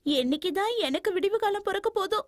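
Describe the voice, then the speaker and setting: A woman voicing a quick-tempered young mother in a dubbed cartoon, scolding her husband and children. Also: extremely high pitch, animated. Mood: weary. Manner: scolding, exasperated. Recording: music behind the voice.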